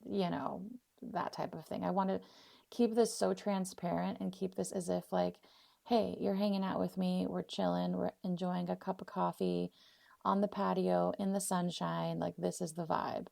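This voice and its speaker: She's a podcast host, 39, originally from Poland and now based in Arizona, with an American accent. Her low, gravelly, somewhat dark voice moves at a moderate pace with little change in pitch as she speaks off the cuff on a casual solo show, her words effusive, heartfelt and spiritual. The recording is studio quality, with no room sound.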